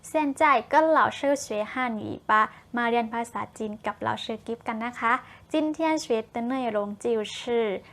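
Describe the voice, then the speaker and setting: A woman teaching a language lesson to children, cheerful and encouraging, saying words slowly and repeating them for pupils to copy. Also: on the high side, little pitch movement.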